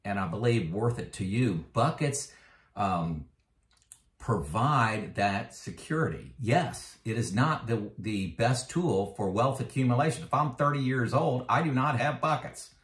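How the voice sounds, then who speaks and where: His mid-range voice is animated but a little slow, with a roomy sound. He's a retirement finance vlogger in his fifties, casually explaining his own finances to camera, using frequent fillers and growing emphatic as he makes his points.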